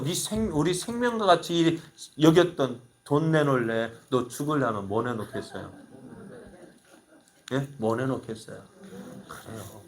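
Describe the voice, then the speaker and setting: A middle-aged man preaching a sermon as pastor, asking the congregation questions and swinging between loud bursts and quiet asides. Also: mid-range voice.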